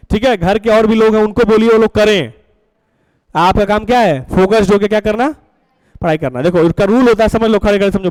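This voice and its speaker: Man, classroom chemistry teacher, coaxing and quizzing, clear and dry. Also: high-pitched, darkish tone, no echo, poor audio. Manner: coaxing, asks the class questions and repeats answers. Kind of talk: classroom lecture.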